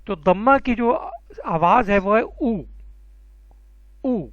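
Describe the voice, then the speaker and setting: Man, high voice, patient teacher, dry close sound, muffled lo-fi. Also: dry recording. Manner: patient, encouraging, calls students by name. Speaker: Arabic teacher. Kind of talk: online class teaching.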